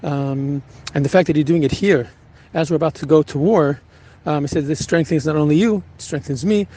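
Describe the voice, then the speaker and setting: A rabbi recounting a personal story in an earnest, halting way, with frequent restarts. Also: male voice, a little high, warm tone, low-quality recording.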